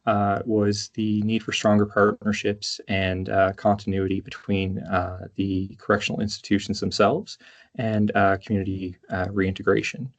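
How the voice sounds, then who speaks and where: A man giving a halting online conference presentation, hesitant and constantly pausing with uhs. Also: on the low side, little pitch movement. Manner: hesitant, very frequent uhs and pauses. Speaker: conference presenter from a justice charity. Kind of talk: halting presentation on a video call. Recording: dull, lo-fi online call audio.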